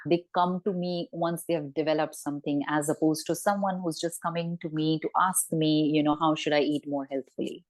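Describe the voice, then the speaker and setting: A woman's voice: low-pitched, steady tone, fairly quick, hardly any pauses. A woman dietitian as an interview guest, agreeable and explaining things step by step. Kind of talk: conversational interview.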